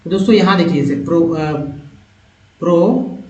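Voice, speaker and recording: Man, language teacher, slow repeated sounding-out of words, somewhat high voice, echoey room. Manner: explains patiently, repeating words and sounding them out slowly; addresses viewers as friends, checks with "है ना". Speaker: English teacher. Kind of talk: slide-based language lesson. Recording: echoey room, dull lo-fi sound, faint hiss.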